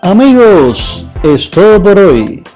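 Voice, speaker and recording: Slow, lively-voiced language teacher. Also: mid-range voice, faint music behind. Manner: slow, deliberate, checks in with "okay?" and "right?". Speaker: Spanish teacher. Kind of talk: online language lesson.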